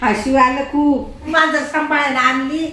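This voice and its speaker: A woman's voice: sits high, fairly even intonation, unhurried, sharp tone. An older woman, a grandmother, teasing her grandson in playful, laughing baby talk in a casual family chat at home. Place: indoors at home. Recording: echoey room with faint noise.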